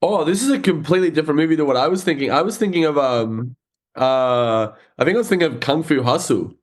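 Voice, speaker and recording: A man's voice: a little high, fast talker. Chatty man hosting a podcast. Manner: relaxed, chatty, swears casually. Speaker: podcast host. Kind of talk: casual chat.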